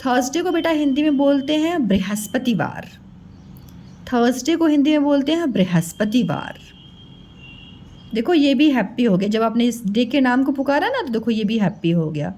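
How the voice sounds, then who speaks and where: A woman teaching children, slowly spelling words out letter by letter in a sing-song way. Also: high-pitched, expressive, darkish tone, a little hiss or hum. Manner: slow, sing-song letter-by-letter spelling, addresses kids as beta.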